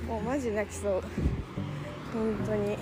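A woman's voice: medium pitch, fairly even intonation, normal speed, music in the background. A young woman gushing in a casual, filler-heavy monologue. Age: young adult. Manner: chatty, gushing, lots of fillers. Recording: noisy background with passing vehicles.

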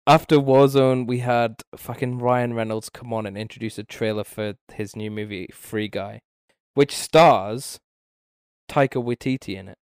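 A man chats about games in a loose, rambling way, with frequent swearing and blunt opinions. His voice is smooth and clear, and it sounds dry and close to the mic, at a middle pitch for a man. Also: steady tone, a little slow, no echo. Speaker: podcast co-host. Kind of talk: casual gaming chat.

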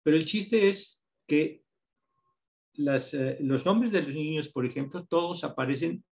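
Teacherly Mexican man, slightly high voice. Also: darkish tone. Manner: patient, teacherly, spells out examples slowly. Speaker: guest researcher on reading instruction. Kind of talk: explanatory interview talk.

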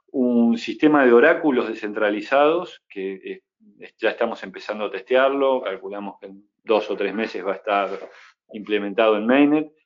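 Male guest, measured technical explainer, dull low-fi audio. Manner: measured, technical, many restarts. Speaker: guest, crypto project founder. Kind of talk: explanatory interview answers.

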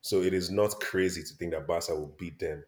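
Male panelist, low register, argumentative sports explainer who repeats his points in casual debate. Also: fairly even intonation, brisk, over a noisy crowd. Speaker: football podcast panelist.

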